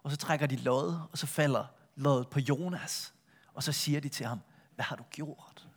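A middle-aged man preaching a sermon, retelling a Bible story with lively shifts between a full voice and a soft hush. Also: mid-range voice, breathy edge. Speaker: pastor.

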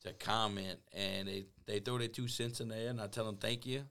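A man's voice: on the low side, fairly even intonation, normal speed, creaky, fairly bright tone. A man with a Cajun accent chatting casually as a podcast guest, folksy and joking, with salty language. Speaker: guest, online cooking personality.

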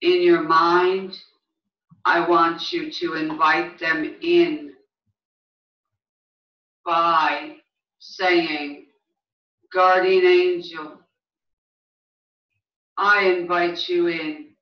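A spiritual guide leading a guided meditation in a soothing, hushed manner with long pauses. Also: medium pitch. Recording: echoey, distant, slightly muffled recording.

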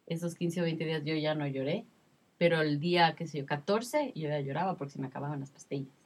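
Low husky woman telling her story. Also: fairly quick, darkish tone. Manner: emotional, repetitive storytelling. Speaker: guest sharing her experience. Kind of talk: casual conversation.

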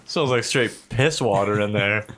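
A man's voice: on the low side, moderate pace, a bit bright. A young man hosting a casual podcast, cracking dry, crude wisecracks. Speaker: podcast host. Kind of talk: casual chat.

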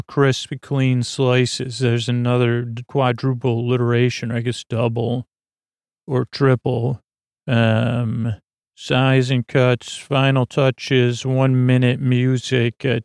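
A man hosting a sleep podcast, recapping a show in a meandering, halting way with many fillers and restarts. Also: mid-range voice, creaky, darkish tone, no room sound, clean studio sound. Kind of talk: rambling bedtime recap.

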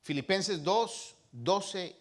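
A man preaching a sermon as pastor, swinging from loud emphasis to hushed tones and reading scripture slowly and emphatically. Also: high-pitched, lively intonation.

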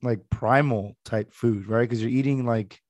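A man with a hoarse, worn-out voice chats casually as a podcast co-host. His pitch sits mid-range, and the recording is dry, with very little room around the voice. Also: steady tone, a little slow, a little mellow, dry recording. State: hoarse, lost his voice to illness. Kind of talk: casual chat.

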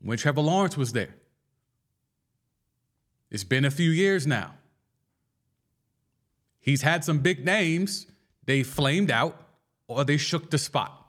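A man hosting a casual sports podcast, talking in an animated and slangy way and firing off rhetorical questions. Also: a little high, slow, pauses often. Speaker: podcast host.

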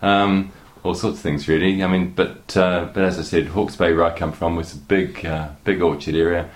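A man's voice: deep voice, steady tone, moderate pace. A middle-aged man with a New Zealand accent, a guest chatting hesitantly with many fillers and restarts. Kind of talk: casual interview talk.

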